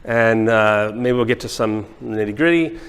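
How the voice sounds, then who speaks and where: A man with a fairly low voice asks his questions in a chatty style, slipping in jokes and quick asides. His voice echoes with a long reverb from a large hall. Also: smooth. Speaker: interviewer. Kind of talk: conversational interview questions.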